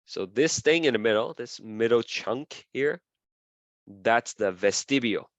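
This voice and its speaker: A man's voice: medium pitch, lively intonation, a little slow, no echo, lo-fi sound. A man lecturing a class, repeating key terms as he draws and often asking "okay?" and "right?".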